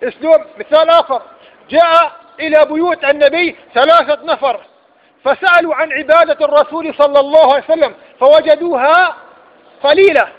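A man's voice: very high voice, fairly even intonation, brisk. A man with an Egyptian accent giving a religious lecture, often asking rhetorical questions and repeating his points for emphasis. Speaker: preacher. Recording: dull lo-fi recording.

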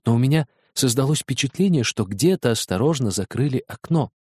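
Man, audiobook narrator, first person, measured storytelling, mid pitch, dry close mic. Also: animated, a little mellow, breathy edge, no room sound. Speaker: audiobook reader.

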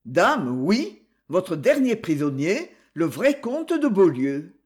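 A man reading the part of a secretive, deferential male steward in an audiobook, speaking low and confidingly. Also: big pitch swings, slow pace, exaggerated voice. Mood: hushed.

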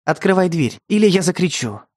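A man voicing a frightened but defiant young woman who speaks in sharp, demanding bursts. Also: high voice, very animated, a little fast.

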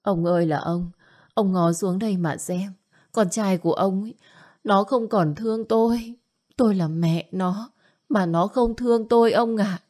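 A woman's voice: lowish voice, moderate pace, a little mellow, close to an everyday voice. A woman voicing an older, domineering mother who scolds and wails in self-pity. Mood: wailing. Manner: scolding, nagging, wailing.

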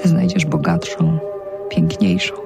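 A woman's voice: fairly low pitch, fairly even intonation, slow pace, exaggerated voice. A woman reciting verse as a pleading noblewoman at a parting, half in a whisper. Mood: tender. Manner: whispered, lyrical verse reading. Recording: music clearly behind.

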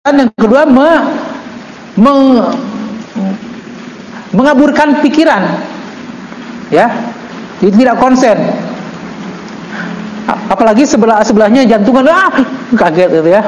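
Male religious teacher, high voice, slow Arabic reading then jokey explanation, echoey room, faint traffic behind. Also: dull audio. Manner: reads Arabic text slowly, then explains with joking asides. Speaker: Islamic teacher. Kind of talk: religious book study lesson.

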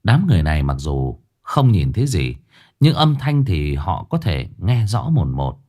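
A man narrating a ghost story in a lively, dramatic scripted reading. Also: deep voice, normal speed.

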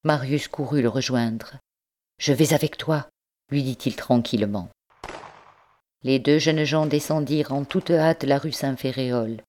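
A woman reading a novel aloud as an audiobook narrator, slow and measured, lifting her voice for the characters' speech. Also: very deep voice, dark tone, slight background noise. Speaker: audiobook reader. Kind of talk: scripted narration.

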